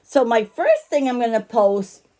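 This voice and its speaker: A woman's voice: fairly high pitch, very animated, measured pace, warm tone. A woman chatting casually to camera like a vlogger showing her shop finds, rambling and apologetic, interrupting herself and chewing gum while she talks. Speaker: online vintage shop owner and vlogger.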